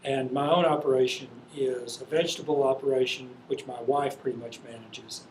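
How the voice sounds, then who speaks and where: A man gives an unscripted interview as a farmer, explaining things in a halting, hesitant manner. His voice sits at an average pitch. The room is clearly echoey, with faint noise behind him. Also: fairly even intonation, darkish tone.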